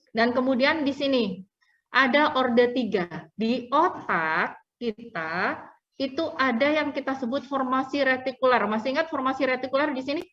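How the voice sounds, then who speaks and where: A woman's voice: fairly high pitch, fairly bright tone. A middle-aged woman teaching a biology class in a chatty, playful way, quizzing her students and laughing often. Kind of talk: classroom lecture. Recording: distant, dull lo-fi classroom recording.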